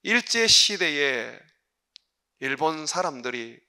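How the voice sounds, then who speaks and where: Man, pastor, sermon, bright ringing tone, emphatic rhetorical questions. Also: a little high, very animated, slow pace. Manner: quotes others' words in dramatic asides.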